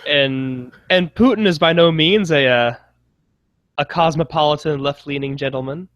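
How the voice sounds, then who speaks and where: Higher-voiced man in dry casual debate. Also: moderate pace, a bit bright, no room sound, dull audio. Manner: stammering restarts, ironic asides. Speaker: podcast co-host. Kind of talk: casual political discussion.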